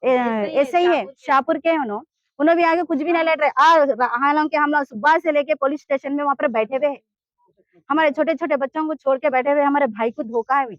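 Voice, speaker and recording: A woman with a Hyderabadi Urdu accent speaks in a high, urgent voice, pressing her complaint to a reporter with insistent, pleading force. The sound is dry and close, a little dull and lo-fi. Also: a little fast, no room sound. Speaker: interviewee in a land dispute. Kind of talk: street interview complaint.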